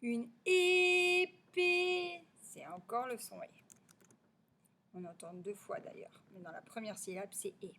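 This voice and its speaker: A woman teaching a phonics review to young children. She stretches out the words and drops to a near whisper on the answers. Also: mid-range voice. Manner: slow, stretched-out sounding of syllables.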